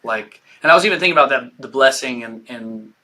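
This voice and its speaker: A man, a guest who is an entertainer and pastor, talking casually in an interview, animated and jokey with lots of filler words. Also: medium pitch, fast talker.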